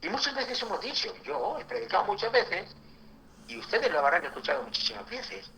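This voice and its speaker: A man preaching a Bible school sermon as pastor, emphatic and swinging from loud declarations to hushed near-whispers. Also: sits high, sing-song, a little fast, vocal fry, a little hiss or hum, poor audio.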